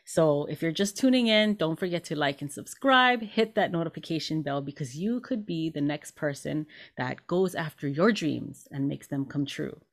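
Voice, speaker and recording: A woman's voice: sits low, lively intonation, normal speed, hardly any pauses. Effusive woman talk show host. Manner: warm, effusive, laughs often.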